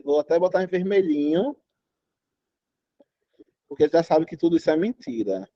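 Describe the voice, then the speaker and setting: A man's voice: on the high side, moderate pace, no room sound. A Brazilian man teaching Portuguese in an online exam-prep class, emphatic and often checking that students follow. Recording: dull, lo-fi online class audio.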